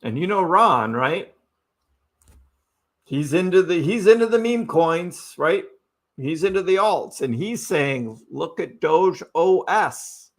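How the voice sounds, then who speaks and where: A man's voice: sits high, sing-song, slow, long pauses, fairly bright tone. A man hosting a live crypto stream, giving casual chart commentary and asking his audience rhetorical questions. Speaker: crypto livestream host.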